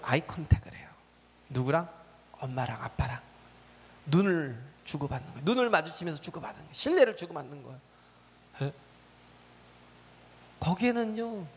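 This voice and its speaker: A man's voice: sits high, a little hiss or hum. A male pastor preaching a sermon, often asking the congregation rhetorical questions and calling out hallelujahs. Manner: punctuates with shouted hallelujahs. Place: church sanctuary. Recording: church hall reverb.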